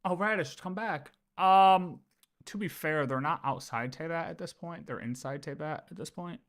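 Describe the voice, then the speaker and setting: A male streamer with a fairly high voice talks through lore with his viewers at a moderate pace. He's casual and animated, repeating phrases and frequently checking that chat is following along.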